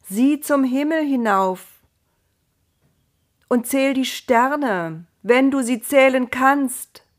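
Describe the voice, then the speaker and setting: A woman's voice: sits high, expressive, very slow, voice pushed up, heavily acted. A woman voicing a lofty divine voice in a storybook, raised, solemn and emphatic. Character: lofty divine voice making grand promises. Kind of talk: storybook narration.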